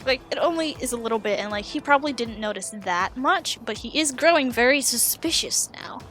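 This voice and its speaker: High-voiced woman game master. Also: animated, brisk, fairly bright tone, soft background music. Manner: casual, laid-back, swears freely, lots of "like". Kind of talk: narrating a tabletop game over a call.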